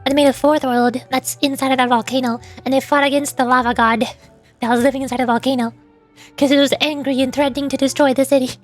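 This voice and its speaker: With music playing in the background, a woman with a high voice chats her way through loose, rambling live-stream commentary, explaining things and slipping in playful asides.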